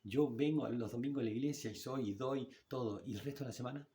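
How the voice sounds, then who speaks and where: A man with an Argentine Spanish accent preaching a sermon in church, in a conversational way that slows down to read scripture aloud. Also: medium pitch, dark tone. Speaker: pastor.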